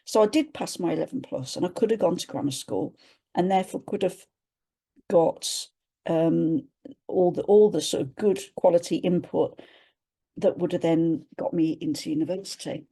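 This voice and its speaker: An English woman at a webinar shares a personal reflection over a computer mic on a video call, hesitantly restarting often as she searches for words. Her voice is fairly low, dark, creaky, and breathy-edged, at a moderate pace.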